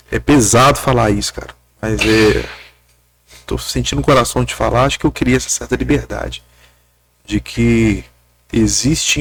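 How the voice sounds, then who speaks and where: A man's voice: mid-range voice, breathy edge, no room sound. A man interviewing a guest and then giving earnest, direct counsel, addressing him informally.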